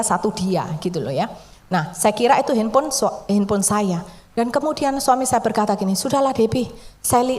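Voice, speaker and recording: A woman with a fairly high voice preaches a sermon in a conversational, storytelling manner. For emphasis she often drops to a soft near-whisper.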